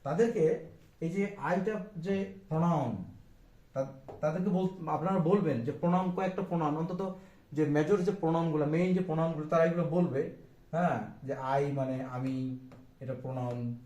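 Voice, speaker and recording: A man's voice: on the high side, fairly even intonation, normal speed, mellow, reverberant. A Bangladeshi man teaching a children's English lesson, repeating each phrase over and over. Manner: repetitive, drills phrases over and over. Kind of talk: classroom-style English lesson in Bengali.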